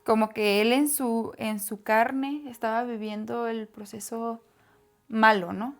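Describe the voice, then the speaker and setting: With a slightly high, steady voice and a slow delivery, a Bible study co-host agreeably echoes her partner and offers reflections in a casual discussion. She frequently fills gaps with "ujú."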